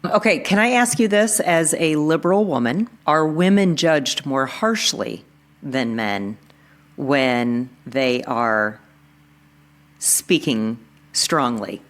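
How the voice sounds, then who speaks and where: A woman's voice: deep voice, expressive, takes it slowly. A woman in casual conversation who asks questions and reacts with short exclamations. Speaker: podcast co-host.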